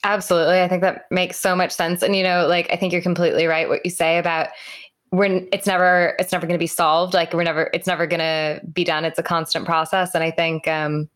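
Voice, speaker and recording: A woman's voice: lowish voice, little pitch movement, a little fast. A woman podcast host introducing her guest and asking questions in a conversational way, hedging with fillers.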